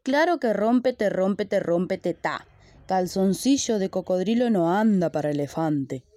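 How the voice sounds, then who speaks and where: A woman's voice: medium pitch, lively intonation, unhurried, dark tone, no echo, studio quality, close to an everyday voice. A woman voicing a big angry male elephant who bellows accusations. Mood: scoffing.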